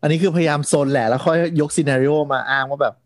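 A man's voice: on the high side, fairly even intonation, fast, dry recording, studio quality. A man co-hosting a casual tech podcast, patiently explaining how things work.

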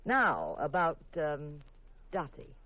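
A woman playing a detective's wife who narrates the story crisply and teases her husband, in an old radio drama. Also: deep voice, wildly swooping pitch, no echo, exaggerated voice. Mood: brisk, teasing. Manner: brisk, crisp storytelling, teasing. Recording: muffled old radio recording with faint music.

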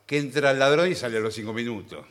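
A man's voice: mid-range voice, fast talker, a bit bright. A man, co-hosting a comedy radio show and explaining things with mock authority and a straight face. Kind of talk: comic radio banter.

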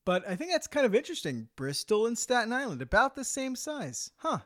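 A man's voice: extremely high pitch, sing-song, fairly quick, a bit bright. A man hosting a podcast in a casual, chatty style. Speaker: podcast host.

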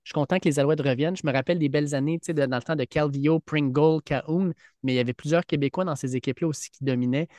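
This co-host, a teacher with a Quebec French accent, races through casual sports talk in the podcast studio with hardly any pauses. His pitch is fairly high and his tone darkish, with no echo, and he stays earnest while using many fillers and restarting often.

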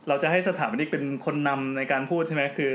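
A man's voice: on the high side, fairly even intonation, quick pace, fairly bright tone. A man hosting a podcast in casual chat, joking as he explains at length. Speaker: podcast host. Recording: roomy with faint background noise.

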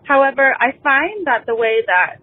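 A woman caller leaving a voicemail message over a phone line, talking hesitantly with many pauses and ums. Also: sits high, sing-song.

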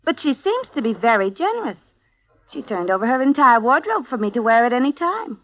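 In a 1950s radio drama, an actress plays a chatty, nosy young personal maid whose speech is wry and colloquial. Her slightly high voice is very animated and a little fast, heard through a dull, lo-fi vintage radio broadcast.

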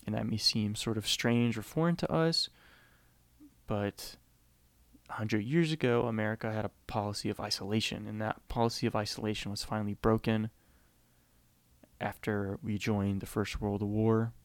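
Low-voiced man giving a casual history lecture. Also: steady tone, normal speed, no echo. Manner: conversational, frequent "you know", acts out quotes.

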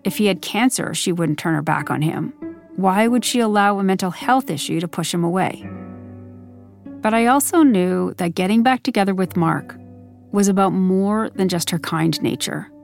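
A woman hosting a podcast, giving measured, scripted true-crime narration and interview questions. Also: medium pitch, creaky, darkish tone, soft background music.

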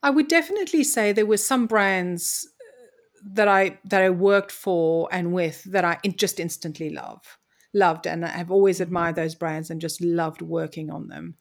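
Speaking at a normal pace in a voice on the low side, a Mozambican woman shares her story during a conversational interview. She comes across as articulate and reflective.

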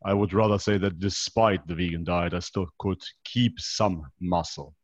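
A man of about thirty from North Macedonia, raised in Germany, speaks with a foreign European accent in a low, steady voice at a moderate pace. As a podcast guest in a conversational interview, he explains his own experience and often checks in with rhetorical questions. The dry recording sounds like a dull, band-limited online call.

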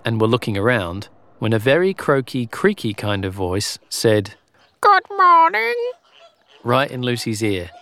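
Expressive man reading a storybook. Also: mid-range voice. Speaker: narrator.

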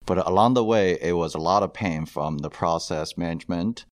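A man, speaking as a guest on an interview show. His voice sits very low and sounds close and dry. He talks in a loose, chatty way, full of fillers and small asides. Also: moderate pace, dry recording. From China. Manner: loose, chatty, many fillers and laughs, non-native grammar. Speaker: guest, company founder. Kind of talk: casual interview chat.

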